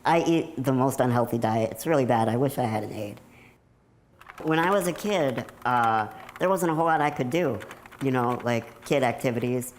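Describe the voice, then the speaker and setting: A young American man in his late teens speaks at a medium pitch. He is candid and matter-of-fact, telling his own story in a casual, conversational documentary style. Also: normal speed, a little hiss or hum. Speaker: computer programmer telling their own story. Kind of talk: casual documentary interview narration.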